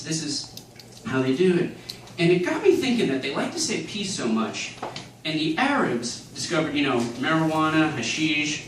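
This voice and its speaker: A man doing a stand-up comedy set, delivering deadpan one-liners and chuckling at his own jokes. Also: on the high side. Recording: echoey club audio from a distance. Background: audience laughter and room noise.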